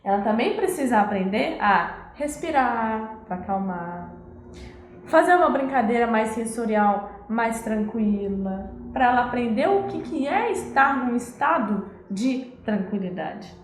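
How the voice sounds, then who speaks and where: A woman's voice: on the high side, expressive, measured pace, roomy sound. A woman educator giving a live talk on parenting, explaining patiently and acting out scolding parents.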